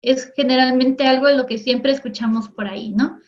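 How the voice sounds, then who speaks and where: A woman's voice: high-pitched, fairly even intonation, lo-fi sound. A woman teacher giving a lesson for television in a conversational way, often checking in with her students. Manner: acts out everyday voices in quick asides. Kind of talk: recorded classroom lesson for TV.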